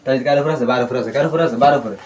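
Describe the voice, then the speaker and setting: A man teaching a Quran reading class, spelling Arabic letters out slowly and drilling them with repeated questions and answers. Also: medium pitch, darkish tone. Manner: slow, syllable-by-syllable recitation.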